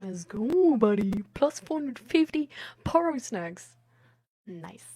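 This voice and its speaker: Warm and fairly high-pitched, her sing-song voice takes its time. The woman is live streaming, casually chatting with viewers and reading their messages, her talk rambling, giggly and hesitant.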